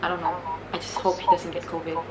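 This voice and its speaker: A woman's voice: fairly low pitch, flat delivery, quick pace, over a noisy crowd. Candid young woman chatting, swears freely. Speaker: mukbang video host. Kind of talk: casual real-talk chat over a meal.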